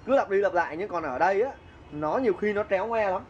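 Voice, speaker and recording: A man's voice: sits high, lively intonation, fast talker, dull audio, slight background noise. A man giving a casual keyboard lesson, chatty, counting beats aloud and humming melodies as he plays. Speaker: music teacher. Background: keyboard playing.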